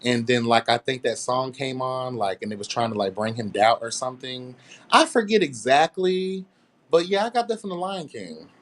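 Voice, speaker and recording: A man in his late thirties in casual group chat, telling stories in a sassy, drawn-out way and calling everyone honey. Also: medium pitch, lively intonation. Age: 30s. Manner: sassy, drawling storyteller, calls others honey.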